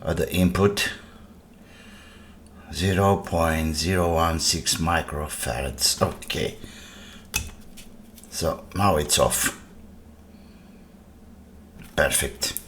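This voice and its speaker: At an indoor workbench, a repair video host talks to himself in short phrases, asking and answering his own questions in casual hands-on commentary. His voice is extremely low and a bit bright, and he speaks extremely slowly with long pauses. Workbench clatter comes through clearly in the background.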